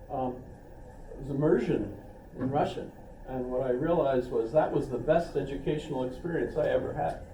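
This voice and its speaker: An older man teaches a philosophy class in a casual, rambling style full of asides and self-deprecating jokes. His medium-pitched voice is warm, captured from a distance in an echoey classroom with a little hiss or hum.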